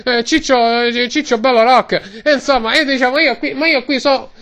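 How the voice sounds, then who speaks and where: A man's voice: extremely high pitch, fairly even intonation, moderate pace, fairly bright tone. A man voicing a chatty Roman ice-cream seller in a radio comedy sketch, rambling and ending lines with tag questions, with a Roman accent. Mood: boastful. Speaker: comic guest figure.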